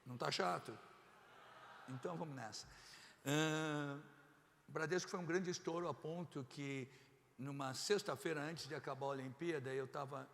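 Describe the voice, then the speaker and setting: An older Brazilian-accented man telling playful anecdotes at an event. His voice sits a little high, and the hall adds a long reverb behind him. He speaks into a stage microphone. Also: moderate pace, creaky, fairly bright tone, slight background noise. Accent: Brazilian Portuguese. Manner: anecdotal, quotes dialogues, playful. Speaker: keynote speaker. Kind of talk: storytelling talk to a live audience.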